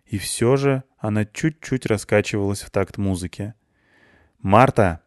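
A man's voice: lowish voice, normal speed, a little mellow, smooth, no echo, studio quality. A man reading a first-person audiobook in a wry, matter-of-fact storytelling manner. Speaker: audiobook narrator.

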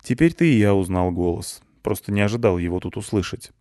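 A man's voice: on the low side, expressive, a little fast, darkish tone, dry recording, studio quality. A man reading a first-person audiobook in a wry, matter-of-fact storytelling manner. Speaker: audiobook narrator.

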